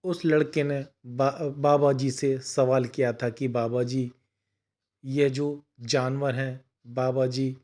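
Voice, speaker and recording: Slow, gentle devotional male narrator. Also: medium pitch, flat delivery. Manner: gentle, patient, keeps addressing the listener as "son". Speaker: narrator of a spiritual question-and-answer session. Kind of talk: devotional retelling.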